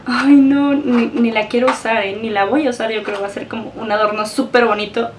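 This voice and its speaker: Mexican girl doing an excited unboxing vlog, gushy, little faint hum behind. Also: fairly high pitch, brisk, distant mic. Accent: Mexican Spanish. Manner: gushing, emotional, exclamatory. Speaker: beauty vlogger.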